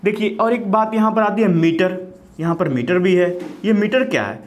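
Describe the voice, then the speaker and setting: A man's voice: sits high, normal speed. A male teacher with an Indian English accent gives an exam-prep literature lecture, mixing Hindi and English, repeating key terms and asking and answering his own questions. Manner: frequent "ठीक है?" checks with students.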